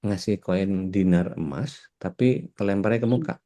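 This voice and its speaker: Male preacher for a relaxed chat, low mellow voice, acts out little scenes as he explains. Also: moderate pace. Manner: mixes in English words. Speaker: Islamic preacher, ustadz. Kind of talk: casual religious discussion.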